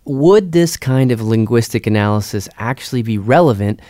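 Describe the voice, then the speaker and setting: A man co-hosting a podcast, explaining research in a casual, animated way. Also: medium pitch, normal speed, no echo, clean studio sound. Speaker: podcast co-host.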